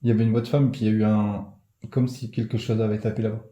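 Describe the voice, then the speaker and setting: A man on a ghost hunt in a manor, confirming readings in short replies and calling loudly to spirits. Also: lowish voice, level tone, quick pace, reverberant, highs cut off, a little hiss or hum. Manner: short agreeing replies and loud calls to spirits. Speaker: paranormal investigator. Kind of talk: live ghost-hunting commentary. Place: large abandoned manor indoors.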